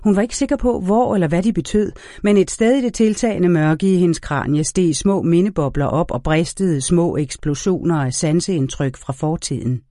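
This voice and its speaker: A man reading a novel aloud as an audiobook narrator in a measured, even storytelling manner. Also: a little high, no room sound, studio quality. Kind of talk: scripted narration.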